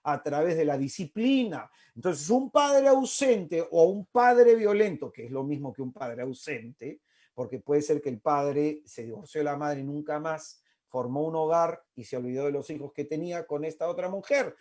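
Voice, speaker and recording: Impassioned mellow-voiced man in his forties. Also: fairly high pitch, animated. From Peru. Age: 40s. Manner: impassioned, with slow emphatic repetitions and sudden soft asides. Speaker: speaker at a faith-based family talk. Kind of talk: preaching talk.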